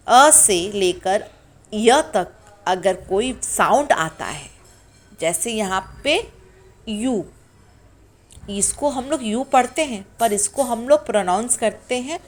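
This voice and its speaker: A woman teaching an English grammar lesson to beginners, sounding out letters slowly and asking the class questions. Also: a little high. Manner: slow, drawn-out sounding of letters.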